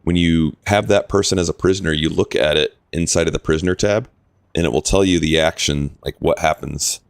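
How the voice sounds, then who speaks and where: A man's voice: rumbling low, steady tone, fairly quick, no room sound. A man casually commentating his game on a live stream, explaining rules and answering chat.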